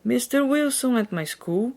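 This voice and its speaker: Woman acting a storybook schoolboy, smug, gleeful, hammy stage delivery, raised voice, slow. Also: a little high, expressive, a little mellow, pitched above the performer's own voice. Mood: know-it-all. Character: smug, theatrical older brother, a gleeful schoolboy.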